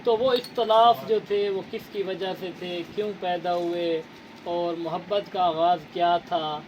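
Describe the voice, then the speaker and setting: A high-pitched, steady, unhurried male voice comes through a rough recording with a little hiss or hum. He is an interviewer and channel host from Punjab, Pakistan, keeping the chat casual but speaking earnestly and didactically, with formal phrasing and many fillers.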